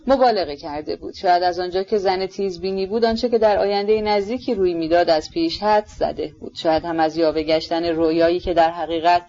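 A woman narrating a literary audiobook in a measured, even way. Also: on the low side, dull audio.

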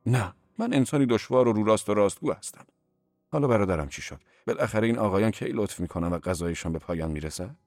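A man voicing a gloomy, blunt young man who answers in short, flat replies. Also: lowish voice, no echo, studio quality, faint music behind, pitched above the performer's own voice, natural voice. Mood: curt, gloomy.

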